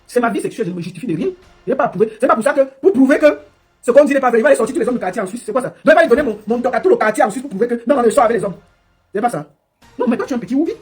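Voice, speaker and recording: Woman livestreamer, husky and high-ish, in a scolding rant over faint music. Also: lively intonation, darkish tone. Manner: scolding, mocking, rapid-fire. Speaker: livestream commentator. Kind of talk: ranting live commentary.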